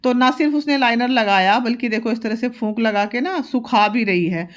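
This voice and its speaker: A woman in her thirties narrates her home vlog in a relaxed, chatty way. She explains each small task to her viewers in plain, homely words. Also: fairly high pitch, normal speed. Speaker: vlogger, mother.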